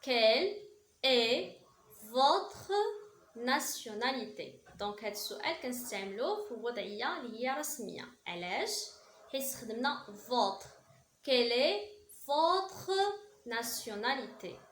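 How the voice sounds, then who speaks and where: A Moroccan woman teaching French to beginners, repeating each phrase slowly and emphatically, then adding quick asides. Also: a little high, animated, fairly bright tone, roomy sound, a little hiss or hum. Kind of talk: language lesson for beginners.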